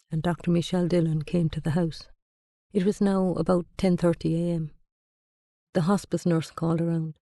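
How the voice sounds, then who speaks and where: A middle-aged woman reads her own memoir aloud, slow and quiet, with long pauses. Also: on the low side, no room sound, clean studio sound. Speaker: narrator. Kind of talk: memoir reading.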